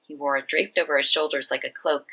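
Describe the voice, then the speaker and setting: Mujer de voz grave leyendo en voz alta. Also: female voice, low-pitched, quick pace, slight background noise, rough recording. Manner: relaxed, chatty, self-correcting. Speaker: reader. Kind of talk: casual reading aloud of fan fiction.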